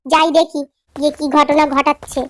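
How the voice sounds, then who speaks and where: A woman voicing a spoiled, scolding young daughter-in-law in a cartoon drama, with a shrill, nagging and haughty manner. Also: flat delivery, normal speed, dry recording, close to an everyday voice. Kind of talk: cartoon voice acting.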